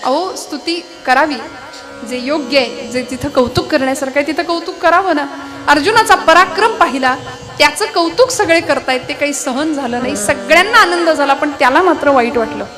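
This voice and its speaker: High-voiced woman kirtan storyteller. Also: fairly quick. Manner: lively, conversational, rhetorical questions to the audience. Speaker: kirtan performer. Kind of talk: devotional kirtan storytelling with song. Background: devotional music.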